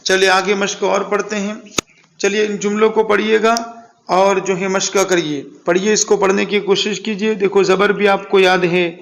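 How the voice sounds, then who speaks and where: A man teaching a Quran reading lesson. He drills letter sounds, draws the syllables out slowly, urges learners to repeat after him aloud and praises them as they go. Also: high-pitched, little pitch movement, vocal fry, fairly bright tone, slight background noise.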